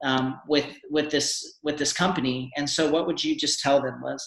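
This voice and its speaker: A man's voice: on the high side, fairly even intonation, normal speed, gravelly, reverberant, low-quality recording. A man hosting a live video panel, encouraging and rambling, with frequent restarts. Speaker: host.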